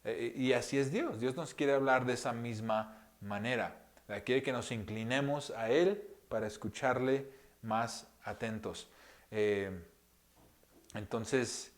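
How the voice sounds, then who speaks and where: A man giving a conversational sermon as pastor, speaking gently with many pauses, fillers and rhetorical questions, often dropping to a hushed voice. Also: mid-range voice. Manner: drops to a hushed soft voice often. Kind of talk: sermon teaching.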